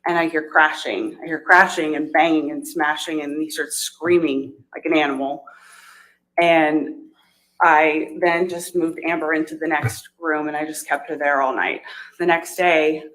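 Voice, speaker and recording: A woman with a low voice testifies as a witness, captured on a courtroom recording that is replayed. She talks through the events step by step, pausing on "um" and restarting her sentences. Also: a bit bright, poor audio. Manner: hesitant retelling with fillers and restarts. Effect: courtroom recording played in a livestream. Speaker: trial witness. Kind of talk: sworn testimony.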